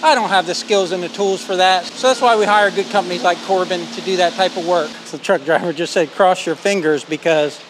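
Guy filming himself at a building site, kinda high voice, faint outdoor hum behind. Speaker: homestead vlogger. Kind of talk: casual walk-and-talk narration. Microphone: phone held at arm's length.

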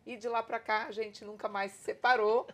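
A woman's voice: on the high side, little pitch movement, moderate pace, a bit bright, slight background noise. A Brazilian woman guest on a podcast, speaking earnestly and gratefully in spiritual terms. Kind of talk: heartfelt podcast testimony.

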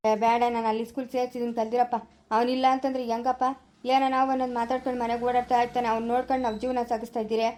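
Woman playing a stubborn young village father, insistent, complaining, high-pitched, quick. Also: flat delivery, darkish tone, natural voice. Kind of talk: rural family drama acting.

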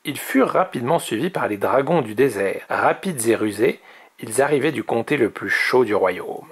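A man reading a children's storybook aloud at a library, in a measured, expressive way. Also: medium pitch, husky.

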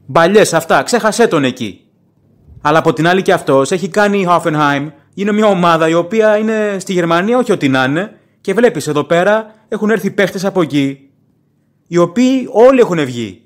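A man with a fairly high-pitched voice hosts his own football fan podcast. He talks on his own in a casual, opinionated way, rambling from point to point and saying things plainly. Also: expressive. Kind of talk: casual solo podcast commentary.

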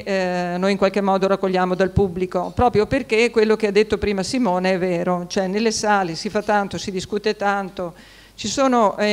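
A middle-aged woman moderating a public event in a semi-formal, unscripted way, explaining things with hesitant asides. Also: mid-range voice. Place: large historic hall, at a panel table. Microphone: table microphone with foam cover.

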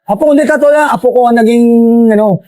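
Older man with a high-pitched voice. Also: rapid-fire, darkish tone. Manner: storytelling with frequent tag questions. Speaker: interviewee, former inmate. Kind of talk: casual recounting of prison life.

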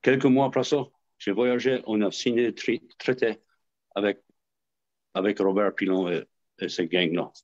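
A man's voice: on the low side, steady tone, normal speed, a little mellow, highs cut off. A man from southwest Nova Scotia with an Acadian French accent, telling stories in a casual interview, often hesitating and repeating words. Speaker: interviewee, association representative.

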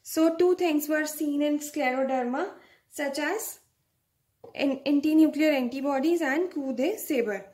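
A young woman gives a medical lecture in a high voice. She speaks slowly and explains things step by step, often stopping to check with a "right?". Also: a little mellow.

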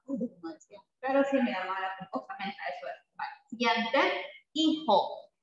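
A man's voice: very high voice, animated, brisk. A man teaching a spelling lesson to a class, patient and checking in with frequent tag questions. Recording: echoey classroom, far from the mic, dull.

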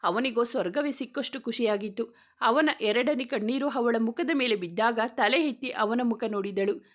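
A woman's voice: on the high side, normal speed. A woman reading a romantic story aloud, narrating and speaking every character in much the same voice.

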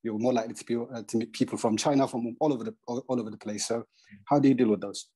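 A young man from Eritrea, asking a question on a video call through earphones, hesitant and halting with many fillers. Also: medium pitch, fairly even intonation, mellow, husky. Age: young adult. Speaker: audience member asking a question. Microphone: earphone mic.

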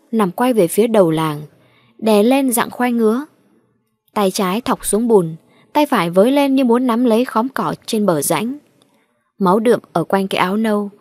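A woman narrating a ghost story with a slow, measured, dramatic reading. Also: mid-range voice, a little mellow, no echo.

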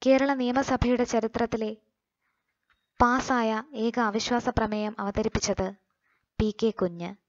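Slow, measured Malayali woman quizzing. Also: a little high, fairly even intonation, dry recording, highs cut off. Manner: slow, measured question-and-answer reading. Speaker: exam coaching presenter. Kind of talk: reading quiz questions and answers.

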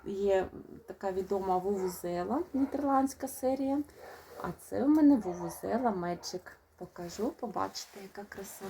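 Speaking straight to her viewers, a woman who has a young child fondly chats as she unpacks rose seedlings for her rose gardening vlog. The tone is warm and medium in pitch, with a faint hiss or hum in the audio.

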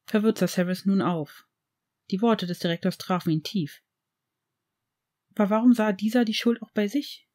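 Woman reading fan-fiction audiobook, calm, steady, mellow. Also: mid-range voice, normal speed, long pauses. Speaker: audiobook reader.

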